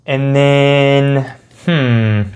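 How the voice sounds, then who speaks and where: A man's voice: medium pitch, steady tone, extremely slow, a little mellow, smooth. Man thinking aloud through a tabletop game. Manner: thinks aloud while explaining step by step. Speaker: host explaining and playing a card game. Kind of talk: casual tabletop game walkthrough.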